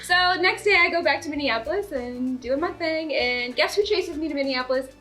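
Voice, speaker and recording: Bubbly high-voiced woman. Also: lively intonation, a little fast, pushed and bright, soft background music. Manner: giggly, rambling storyteller. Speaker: podcast co-host. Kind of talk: casual chat.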